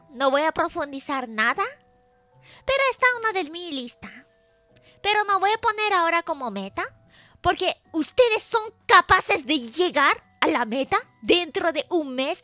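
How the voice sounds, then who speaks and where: A woman's voice: very high voice, pushed and bright, dry recording. A woman streaming as a VTuber, chatting casually and playfully, teasing her chat and reading messages aloud.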